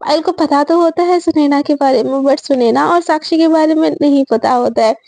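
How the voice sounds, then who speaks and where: A woman's voice: high-pitched, normal speed, vocal fry, mellow, no echo. A woman casually narrating a love story in a chatty way, mixing in English words.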